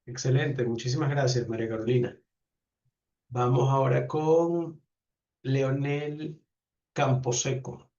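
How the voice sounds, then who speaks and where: Male professor, mid pitch, polite, unhurried, heard from a distance on a dull call line. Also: steady tone, darkish tone. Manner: courteous, unhurried, thanks each speaker. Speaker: professor hosting an online class. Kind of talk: calling on participants in a video class. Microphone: video call.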